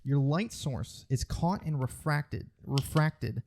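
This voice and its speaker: A man's voice: on the high side, expressive, slow, vocal fry, darkish tone. A man running a tabletop game as game master, describing scenes and explaining rules.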